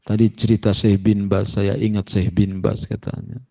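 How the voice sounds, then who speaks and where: Gravelly-voiced man giving a sermon. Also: moderate pace. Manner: storytelling, animated pitch jumps for emphasis. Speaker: Islamic teacher. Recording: muffled lo-fi recording.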